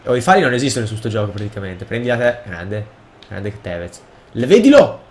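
A young man with a cold and sore throat, casually commenting on his own football video game match and bursting into shouts at goals. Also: on the low side, quick pace, a little hiss or hum. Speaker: gaming video host.

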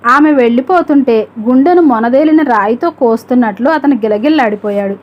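A woman telling a story as an audiobook, reading at a steady, measured rate. Her voice is notably high and clear throughout. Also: lo-fi sound. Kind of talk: audiobook narration.

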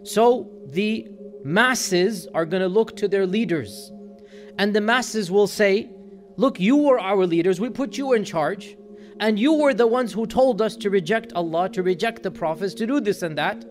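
Male lecturer with a high voice, earnest and emphatic, delivering a religious talk over faint background music. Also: measured pace. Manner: earnest, emphatic, voices quoted crowds with rising intensity. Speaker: Islamic lecturer.

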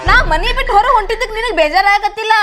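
A woman's voice: extremely high pitch, very fast, music in the background. A young woman, playing a coaxing, reassuring younger sister in a scripted comedy skit.

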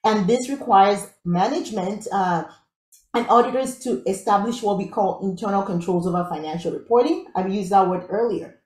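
A woman from Nigeria leads a live workshop in a quick, upbeat way, often stopping to check in with her listeners. Her voice sits at an ordinary middle pitch. The sound carries a noticeable room echo. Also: a little mellow. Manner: fast-talking, upbeat, checks in with audience. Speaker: IT audit instructor. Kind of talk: live online workshop teaching.

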